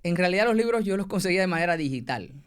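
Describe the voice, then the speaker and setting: A young man from Cuba with a Cuban accent, a former teacher telling his migration story with hesitant pauses. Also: high-pitched, lively intonation, clean tone. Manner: hesitant, many fillers and pauses. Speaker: guest, former biology teacher.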